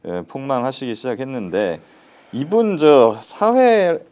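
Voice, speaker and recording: Brief: male lawyer guest for a political panel, mid-pitched, expressive and emphatic, wide pitch swings. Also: a little slow. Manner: animated, emphatic commentary.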